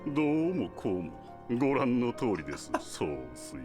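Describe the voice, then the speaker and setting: A man playing a very deep-voiced anime-style villain in a dramatic game cutscene. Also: sing-song, quick pace, close to an everyday voice. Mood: solemn, menacing. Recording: loud music under dialogue.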